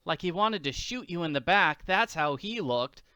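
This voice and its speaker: A man voicing a spunky young orphan girl, slangy and plucky, in a crisp dry reading. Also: on the high side, expressive, moderate pace, sharp tone, no room sound, pitched above the performer's own voice. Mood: plucky worried.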